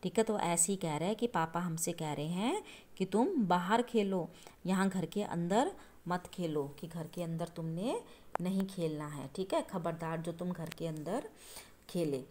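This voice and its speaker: A woman's voice: on the low side, a little slow, darkish tone, a little hiss or hum. A woman teacher explaining a poem to young children, repeating each point patiently and often stopping to check that they follow. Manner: patient, repetitive explaining with frequent checking asides; addresses listeners as children. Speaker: schoolteacher.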